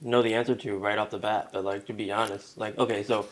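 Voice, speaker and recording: Laid-back young man, low voice. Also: fast talker. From Taiwan. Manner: relaxed, rambling with restarts and fillers. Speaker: podcast guest. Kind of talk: casual podcast conversation.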